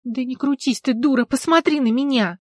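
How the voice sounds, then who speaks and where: A woman voicing a brash, sharp-tongued woman who barks orders. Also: high voice, fairly quick, no room sound, clean studio sound, voice pushed up. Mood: bossy, shouting.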